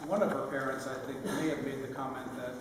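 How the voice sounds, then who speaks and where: An older man giving a sentimental, lightly humorous father of the bride speech, halting with pauses mid-phrase. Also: medium pitch, fairly even intonation. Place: large reverberant room at a wedding reception. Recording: echoey hall, distant mic, noisy room.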